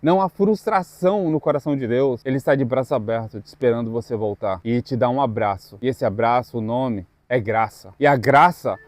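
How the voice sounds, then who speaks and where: A man preaching a devotional sermon. He speaks earnestly in short, measured phrases with pauses. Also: medium pitch, a little mellow, no room sound.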